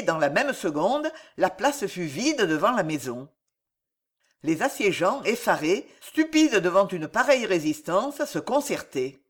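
An audiobook narrator reads a historical adventure with dramatic, rhythmic phrasing. The pitch moves in a lively way through each sentence. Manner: expressive, rhythmic reading.

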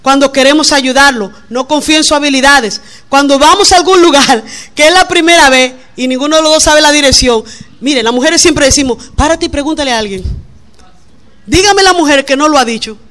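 Lively, bright-voiced woman pastor preaching. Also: sits high, normal speed. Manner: lively, playful sermon with acted-out quotes. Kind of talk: sermon. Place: church.

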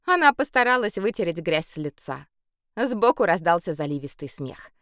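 A woman reading a children's story aloud with playful, expressive narration. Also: lowish voice, moderate pace, no room sound, studio quality. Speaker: audiobook reader.

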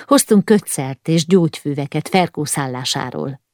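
A woman reading the lines of a shaken young woman in an audiobook, asking hushed, tense questions. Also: low voice, animated, no room sound, clean studio sound. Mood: urgent.

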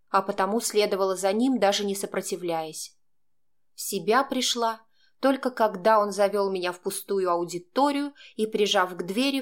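A woman reads a dramatic first-person novel aloud in a voice of middling pitch. Her telling stays tense and confessional, as if she were recalling her own fear. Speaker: narrator. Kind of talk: first-person audiobook narration.

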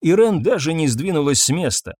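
Male audiobook narrator, lively animated delivery, dry close sound. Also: a little high, fairly quick, husky, no room sound. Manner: expressive, dramatic reading.

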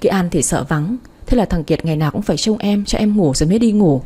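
A woman narrating a romance story in the first person, with an even storytelling delivery. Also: on the low side, quick pace, breathy edge. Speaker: story reader. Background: faint music.

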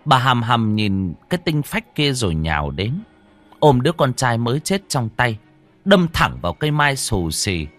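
A man narrating a horror story in a dramatic, expressive storytelling manner. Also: medium pitch, moderate pace. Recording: dry close voice over faint music.

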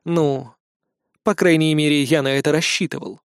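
A man's voice: on the high side, fairly even intonation, normal speed, vocal fry. A man narrating a first-person audiobook with a wry, dry-humored delivery.

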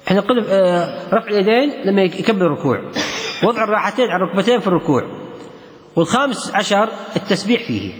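A man teaching a religious text to a class, repeating key phrases and counting along with his students. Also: sits high. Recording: echoey hall with long reverb.

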